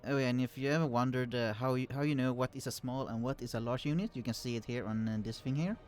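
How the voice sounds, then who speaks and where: A let's play host offers casual commentary while playing a strategy game, loosely explaining units and tactics. He often pauses with fillers and restarts sentences. His middle-pitched voice is quiet, turned down to hide computer hum.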